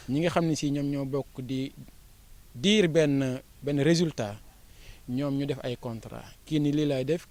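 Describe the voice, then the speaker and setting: An education official with a Senegalese accent gives a formal interview statement. He speaks in a measured way, with a medium-pitched, darkish voice and frequent pauses and fillers.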